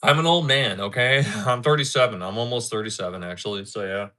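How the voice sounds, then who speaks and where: Speaking at a quick pace with a sharp tone and mid-range voice, a livestreamer in his thirties chats casually, wandering off topic, saying things twice, and replying to his chat.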